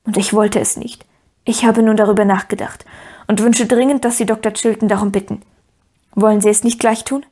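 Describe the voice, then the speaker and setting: A woman's voice: medium pitch, steady tone, fairly quick, mellow, natural voice. A woman reading an audiobook, voicing a stern, proud older aunt who speaks in a clipped, commanding way. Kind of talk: audiobook character voice.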